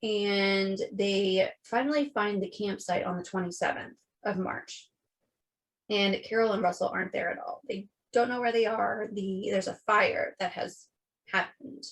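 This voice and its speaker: A woman co-hosting a podcast, walking through a true-crime case in loose, chatty storytelling. She swears casually and slips into quoted voices as she goes. Her voice sits at a middle pitch for a woman. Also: steady tone, unhurried. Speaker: podcast co-host.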